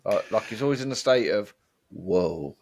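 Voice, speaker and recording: Man, casual music chat, wry, rambling, hedging, mid-pitched voice. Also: fast talker. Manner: wry, rambling, full of "sort of" hedges. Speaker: podcast co-host.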